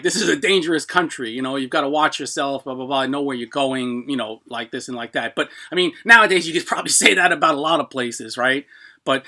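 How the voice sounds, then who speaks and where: A middle-aged man hosting a live stream, chatting casually and haltingly to viewers, often clearing his throat. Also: fairly high pitch, sharp tone. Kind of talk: casual rambling chat to viewers.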